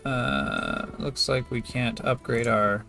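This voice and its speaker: Low-key man commentating on a game. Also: big pitch swings, slow, creaky, pushed and bright. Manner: low-key, thinking aloud. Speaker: gamer. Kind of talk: casual game commentary, reading menus aloud. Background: game music with plucked guitar.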